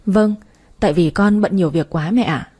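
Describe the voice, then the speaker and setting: Woman reading devoted young man, firm, defensive, mellow tone, husky. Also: lowish voice, moderate pace. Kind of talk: storybook reading.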